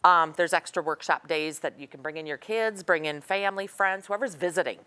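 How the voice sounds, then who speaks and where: A woman's voice: fairly low pitch, a little fast, bright, forceful tone, clean tone. Chatty woman demonstrating crafts on live TV. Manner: chatty, instructive, upbeat. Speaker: craft workshop guest. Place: TV studio.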